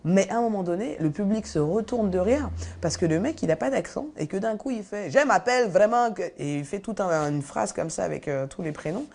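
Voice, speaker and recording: A woman comedian talking in an interview, relaxed and hesitant, with many fillers. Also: medium pitch, fairly quick, creaky, hardly any pauses. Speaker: stand-up comedian. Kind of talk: interview talk.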